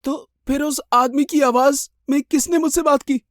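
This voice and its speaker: A man voicing a frightened but defiant young woman, shaky and urgent, in an animated horror story. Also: extremely high pitch, fairly quick, no room sound, studio quality, voice pushed up.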